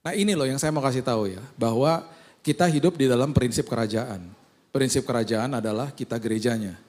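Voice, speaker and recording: A male pastor delivers a humorous sermon packed with acted-out anecdotes and casual Jakarta slang, telling jokes like a storyteller. His mid-range, darkish voice moves a little fast.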